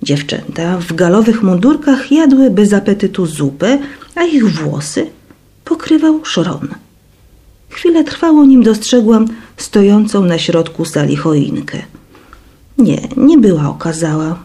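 A woman reading a first-person story aloud in a dramatic, expressive way. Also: mid-range voice, moderate pace. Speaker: audiobook narrator. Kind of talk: first-person scripted narration.

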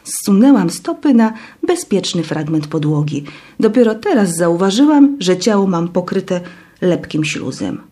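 A woman reading a first-person story aloud in a dramatic, expressive way. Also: lowish voice, unhurried. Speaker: audiobook narrator. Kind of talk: first-person scripted narration.

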